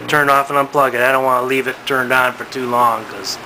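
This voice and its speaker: A hobbyist with a medium-pitched voice gives a casual, unscripted demonstration of his vintage radio-phonograph, speaking in a halting, matter-of-fact way. The home recording is noisy with a steady hum.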